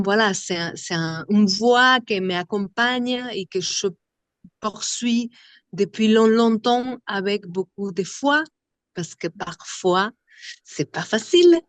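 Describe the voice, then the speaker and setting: Slow-talking Argentine woman, halting French. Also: medium pitch, no room sound. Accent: Argentine Spanish. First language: Spanish. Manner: halting, searching for words, many fillers. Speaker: singer and vocal workshop leader. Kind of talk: interview.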